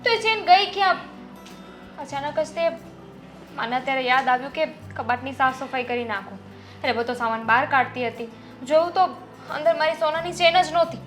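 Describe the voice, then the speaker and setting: An anxious young daughter-in-law, played by a woman, pleading and worried. Her voice is high, with faint music behind. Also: normal speed, a bit bright. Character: young daughter-in-law upset over a missing gold chain. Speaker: actor in a web drama.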